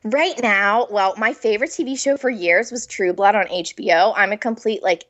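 A woman's voice: medium pitch, moderate pace, a bit bright, lo-fi sound. A pregnant woman, a food blogger guest, chatting casually in an interview, giggling often and filling her speech with "like". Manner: chatty, giggly, lots of filler "like".

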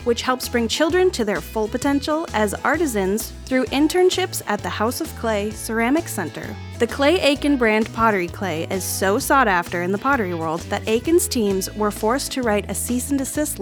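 Deadpan woman reading a mock biography. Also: fairly high pitch. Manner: deadpan, delivers absurd facts straight. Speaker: podcast host.

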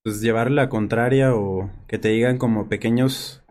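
A man's voice: medium pitch, fairly even intonation, moderate pace, darkish tone. A man in casual chat, hesitant and searching for his words.

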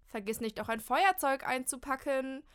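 A woman's voice: high-pitched, lively intonation, normal speed, fairly bright tone, clean tone, voice pushed up. A woman reading a storybook and voicing Molly, a cheerful, fussy grown woman who stays breezy and unbothered.

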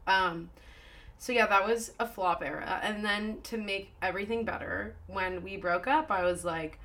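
A woman's voice: mid-range voice, normal speed, fairly bright tone. A woman in her twenties co-hosting a podcast, telling a story in casual chat, candid and laughing often. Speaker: podcast co-host.

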